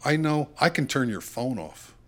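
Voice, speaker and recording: A man speaks at a moderate pace in a mid-range voice, chatting casually as a podcast guest. He tells rambling anecdotes and acts out the dialogue as he goes, animatedly quoting what people said.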